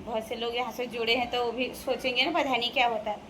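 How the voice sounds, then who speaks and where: A woman's voice: on the high side, fairly even intonation, fast talker, background noise. A young woman from the Uttarakhand hills, chatting casually and teasing in a playful vlog, laughing often. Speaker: vlogger addressing viewers.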